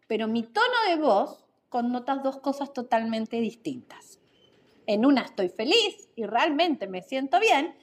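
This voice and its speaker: A woman with a slightly high voice hosts an instructional podcast on communication skills. She explains clearly and in a measured, teacherly way, using rhetorical questions.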